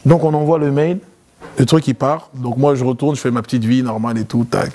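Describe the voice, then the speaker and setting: A man, a guest in a casual interview, telling a story in an animated way. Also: brisk. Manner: animated, acts out quotes in a loud high voice.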